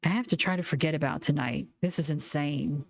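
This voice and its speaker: A woman's voice: low-pitched, fairly quick, noisy background. A woman voicing a nervous young boy in a game, speaking in a timid, pleading way. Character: nervous young boy in a bleak small town. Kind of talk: reading game dialogue aloud.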